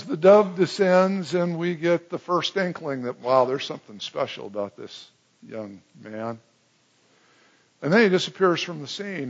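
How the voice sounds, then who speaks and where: Husky-voiced preacher guy, kinda high, goes from loud and excited to quiet and low, muffled lo-fi audio. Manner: animated storyteller, swings from loud excitement to hushed low tones. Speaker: pastor. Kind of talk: sermon.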